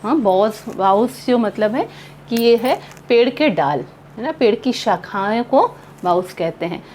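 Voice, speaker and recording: A woman teaching English with an Indian English accent. She reads a poem aloud slowly, then explains it in Hindi mixed with English words. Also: fairly high pitch, expressive, a little mellow, a little hiss or hum.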